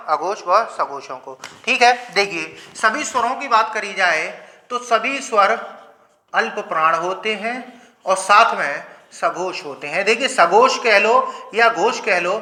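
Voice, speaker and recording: A man's voice: high-pitched, bright, forceful tone. A male grammar teacher lecturing to his viewers. He asks rhetorical questions, answers them himself, and leads them through pronunciation drills. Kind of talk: classroom-style lecture.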